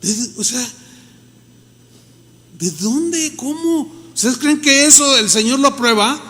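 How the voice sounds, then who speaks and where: A man's voice: very high-pitched, animated, slow, pushed and bright, in a large hall. A Mexican man, a pastor, preaching a sermon in a conversational way and acting out the people he quotes.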